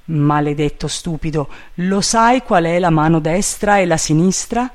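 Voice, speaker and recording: Man voicing an excitable gentleman, commanding, loud, storybook reading. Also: fairly high pitch, unhurried, close to an everyday voice. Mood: urgent. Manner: urgent, commanding, raised voice. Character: excitable, impatient male gentleman giving orders.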